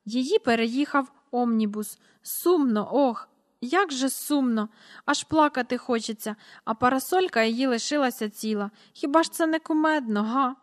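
A woman reading a storybook aloud, voicing a jolly, giggly old gentleman who keeps bursting into laughter. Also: high-pitched, moderate pace, natural voice.

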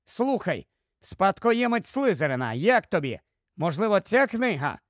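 Irritable teen wizard boy, read by a man, brisk, high-pitched. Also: big pitch swings, no room sound, studio quality. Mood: irritated.

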